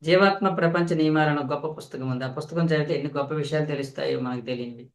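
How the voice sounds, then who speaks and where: Leading a spiritual discourse, this man has a somewhat high voice and addresses his audience directly. His explanations are slow and repetitive, with phrases said again for emphasis, and a clear room echo colors the recording.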